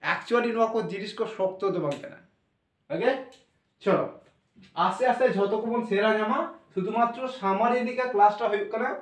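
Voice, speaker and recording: A male teacher explaining a lesson, spelling letters out slowly and answering his own questions. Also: high voice, distant mic. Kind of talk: classroom-style lesson explanation. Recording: echoey room, voice away from mic.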